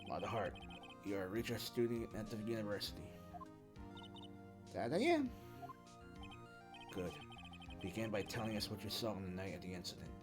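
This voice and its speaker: A man's voice: fairly low pitch, expressive, normal speed, pauses often, lightly acted. A man voicing a cold, condescending older prosecutor in clipped tones, over game music. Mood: scornful.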